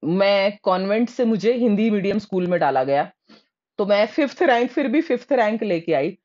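A woman's voice: medium pitch, normal speed. Woman telling childhood stories, lo-fi. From Rajasthan, India. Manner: lively, animated telling with English words mixed in. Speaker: storyteller. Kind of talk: personal storytelling.

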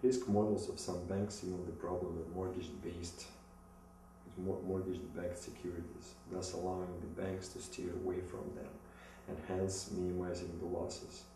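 A low-voiced Russian man from Moscow, applying to business school, delivers a rehearsed self-presentation read from notes at a moderate pace with little pitch movement. He's in a small indoor room by a plain wall, and the distant camera mic yields an echoey recording with some noise.

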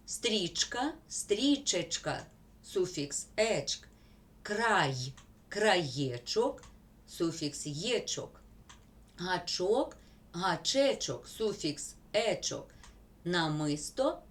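A woman teacher, slowly dictating word examples in a school grammar lesson. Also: fairly low pitch, sing-song.

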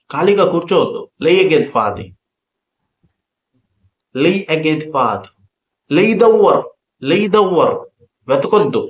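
A man teaching a spoken language lesson, saying each phrase slowly and repeating it before explaining what it means. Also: mid-range voice, echoey room, dull audio.

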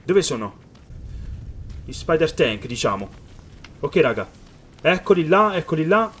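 Guy yelling through a shooter game, high-ish voice swinging up and down a lot, hyped. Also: measured pace, breathy edge. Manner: excited, calls viewers "raga" often; reads game dialogue aloud. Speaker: gaming youtuber. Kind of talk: let's play commentary.

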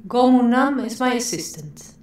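A woman playing a calm, self-assured woman artist who speaks in a poised, declamatory manner. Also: a little high, moderate pace, natural voice. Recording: roomy echo.

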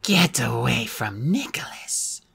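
A man voicing a possessed young girl who speaks in a slow, harsh, croaking whisper, as if an ancient power talks through her. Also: medium pitch, huge pitch swings, exaggerated voice. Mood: menacing. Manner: slow, menacing, hushed.

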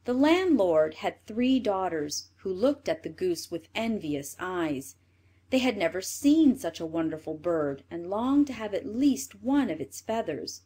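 A woman reading a fairy tale aloud in an expressive storybook manner. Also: medium pitch, unhurried, slightly rough.

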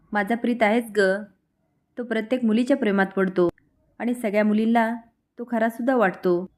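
A woman's voice: medium pitch, close to an everyday voice. A woman voicing a spoiled, scheming young woman who scolds and taunts.

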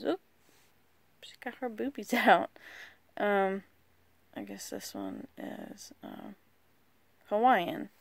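A woman casually walking through a deck of oracle cards, rambling and hesitant with lots of pauses. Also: medium pitch, creaky, no echo. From rural United States. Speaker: vlogger. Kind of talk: casual card walkthrough.

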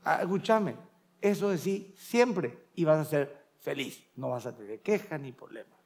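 Middle-aged male Paraguayan pastor, sermon delivery, storyteller, slightly raised pitch. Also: lively intonation, measured pace, creaky, darkish tone. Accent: Paraguayan Spanish. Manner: storytelling, acting out family voices in quotes.

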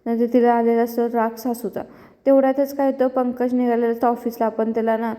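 A woman casually retelling a serial episode in a lively storytelling manner, recorded in an echoey room. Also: fairly high pitch, brisk. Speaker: serial recap narrator.

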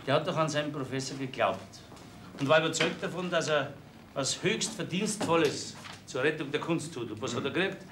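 An actor playing a shrewd middle-aged detective, speaking in a folksy, dry way. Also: male voice, fairly high pitch, brisk, background noise, lightly acted. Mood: grumbling. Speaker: police detective.

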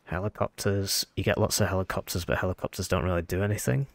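A man with a croaky, froggy voice, sounding unwell, giving casual game commentary as he thinks aloud. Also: low voice, fairly even intonation, fast talker, dry recording. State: under the weather, sick voice. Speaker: gaming video host.

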